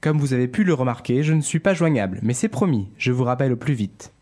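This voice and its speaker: A man's voice: mid-range voice, lively intonation, quick pace, crowd noise, lightly acted. An actor playing a fussy man who records his answering machine greeting again and again, once in a sing-song tune. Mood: polished. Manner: restarts and sings one greeting off-key. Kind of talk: answering machine greeting, scripted lesson dialogue.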